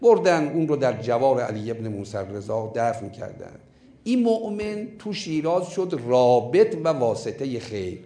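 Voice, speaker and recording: Male preacher, emphatic storyteller with a lively pitch, recorded in an echoey room. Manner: animated, emphatic storyteller, slowing down for key points. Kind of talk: sermon storytelling.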